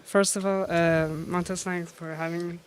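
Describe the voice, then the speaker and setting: An Iranian woman, a DJ appearing as a guest in a casual interview, tells stories full of fillers and frequent laughs. Her voice is fairly low and unhurried with a flat delivery, and there's a little hiss or hum.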